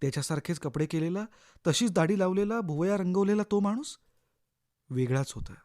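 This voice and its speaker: A male storyteller narrates a suspense story with dramatic, scripted delivery. He drops to a hush for tension and rises urgently for the chase, pulling the listener into the scene. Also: high-pitched, expressive, fairly quick. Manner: suspenseful, shifting between hushed and urgent.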